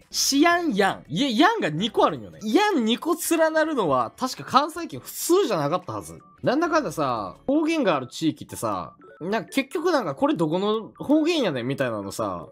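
A man from Mie Prefecture with a Mie dialect, chatting on a casual stream in an animated, rambling, jokey way. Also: sits high. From Mie Prefecture, Japan.

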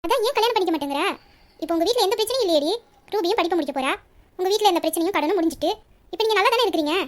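A woman's voice: very high voice, lively intonation, racing. A woman voicing a young woman who keeps pressing her best friend with insistent questions. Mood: coaxing. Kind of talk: audio story reading.

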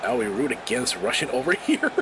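On a live stream, a male wrestling commentator with a mid-range voice rambles through casual commentary, giggling often and apologizing with a laugh in a self-deprecating way. He talks fairly quickly with big swings in pitch, and there's background noise.

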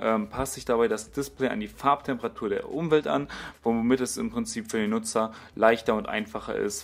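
A young man doing a casual tech voice-over, hesitant and full of fillers and restarts. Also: mid-range voice. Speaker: tech YouTuber.

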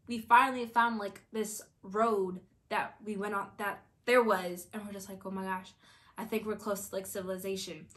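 A young woman in her twenties telling a story in a casual, animated way, acting out her own quotes with lots of filler words. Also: medium pitch. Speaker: vlogger.

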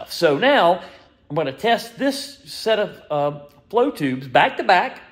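A man in his forties running an engine shop, talking energetically in a casual vlog from a small indoor workshop, filmed with a phone held at arm's length. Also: on the high side. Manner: energetic, salesman-like, blunt. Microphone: phone camera at arm's length.

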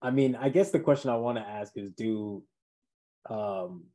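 A man's voice: lowish voice, moderate pace, mellow. A man chatting casually as a tabletop game player, thinking aloud hesitantly. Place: indoors at home, on a video call.

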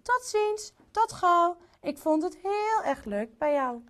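A woman's voice: extremely high pitch, big pitch swings, slow pace, a bit bright, slight background noise, voice pushed up, heavily acted. A woman doing a sweet little boy. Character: small friendly boy, polite and sweet. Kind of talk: storybook voice.

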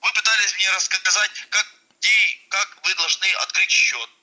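A man's voice: sits high, fairly even intonation, moderate pace, bright, forceful tone. A man on a phone call, condescending as he argues and insists he not be interrupted, heard over a landline. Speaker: caller posing as investment specialist. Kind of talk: heated phone argument.

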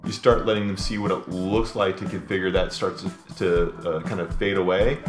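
Low-voiced middle-aged guy chatting while cooking, roomy kitchen sound, music behind. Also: steady tone, normal speed. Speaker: host. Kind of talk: casual cooking show chat. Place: home kitchen.

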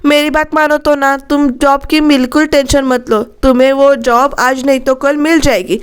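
A woman's voice: high voice, steady tone, moderate pace, lightly acted. A woman quoting a worried young wife who pleads with and coaxes her husband, within a serial retelling. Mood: pleading.

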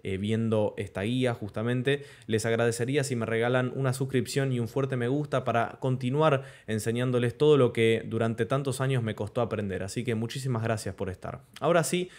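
Young male trading tutor, patient explainer on webcam, slows on key terms. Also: mid-range voice, darkish tone. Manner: explanatory, checks in with "¿ok?" and "¿de acuerdo?". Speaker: crypto trading instructor. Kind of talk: screen-share chart tutorial. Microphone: webcam in corner of screen recording.

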